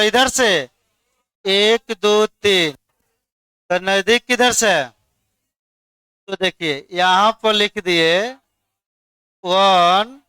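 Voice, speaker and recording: A man's voice: sits high, sharp tone, smooth, no echo. A man teaching a chemistry class, coaxing students and quizzing them by name. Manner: coaxing, repeats "dekhiye" to hold attention, quizzes students. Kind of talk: classroom lecture.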